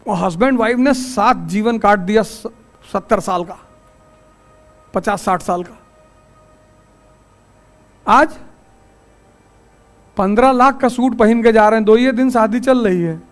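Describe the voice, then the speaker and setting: A man's voice: high-pitched, a little slow, long pauses, soft background music. A man teaching a class, giving a motivational lecture full of stories and rhetorical questions, firm when he lays down rules. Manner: storytelling, wry, with rhetorical questions.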